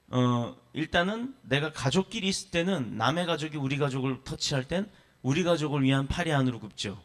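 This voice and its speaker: A man who pastors a church, preaching a sermon with emphatic lists and rhetorical questions. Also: mid-range voice.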